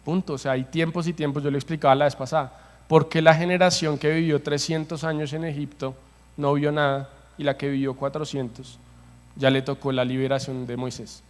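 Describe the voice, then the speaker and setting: A man's voice: a little high, little pitch movement, a little fast. A man preaching a passionate sermon as pastor, repeating phrases for emphasis. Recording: long hall reverb.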